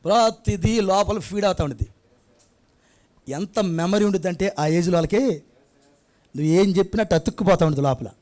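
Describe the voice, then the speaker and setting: A man's voice: high voice, normal speed, long pauses, a little mellow. A man preaching a sermon, asking rhetorical questions and acting out little scenes. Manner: conversational preaching, rhetorical questions, acts out child and grandfather. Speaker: pastor. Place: church prayer hall.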